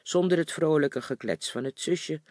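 A man calmly reading a novel chapter aloud in a measured audiobook style. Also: fairly high pitch, no room sound, clean studio sound. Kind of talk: audiobook narration.

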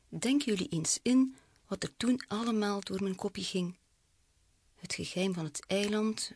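A woman narrating a children's storybook in the first person with lively storytelling. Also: mid-range voice, breathy edge, no echo. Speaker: audiobook narrator.

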